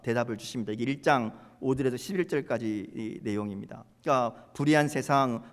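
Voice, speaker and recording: A man preaching a sermon as pastor, in a conversational way, acting out prayers with rising emphasis. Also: medium pitch. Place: church sanctuary. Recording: long hall reverb.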